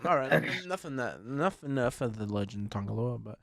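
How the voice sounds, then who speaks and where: A man co-hosting a casual podcast chat, excitable and prone to hyped-up shouting bursts. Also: mid-range voice, brisk, creaky, no room sound, clean studio sound. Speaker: podcast co-host.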